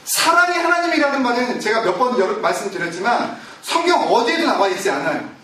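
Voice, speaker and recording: A man's voice: big pitch swings, fast, sharp tone. A pastor delivering a sermon, questioning his congregation and acting out the voices of complainers. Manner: preaching with rhetorical questions to the congregation; acts out quoted complaints with raised pitch. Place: church sanctuary. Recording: very echoey room, voice from a distance.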